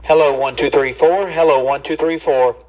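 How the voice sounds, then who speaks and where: A man who runs a radio shop, heard over a CB radio speaker as he counts off a steady audio test. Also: a little high, normal speed. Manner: steady, plain counting in short bursts. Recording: dull, lo-fi radio speaker sound.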